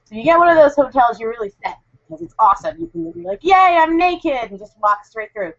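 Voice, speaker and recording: A convention correspondent, still recovering from a cold, reviews a convention on a casual podcast, chatty and rambling. She talks fast in a high, expressive voice. The sound is dull and lo-fi, with no room sound.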